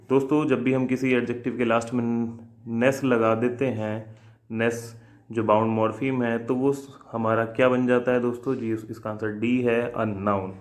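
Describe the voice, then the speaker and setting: Guy solving exam questions, calls viewers friends, reads the english bits slow. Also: mid-range voice, a little mellow. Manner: addresses viewers as friends, reads English questions slowly then explains in Hindi. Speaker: teacher.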